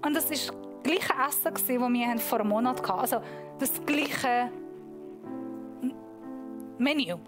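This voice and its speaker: A woman pastor giving a sermon, preaching emphatically and slowing down to stress key points. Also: on the high side. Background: music.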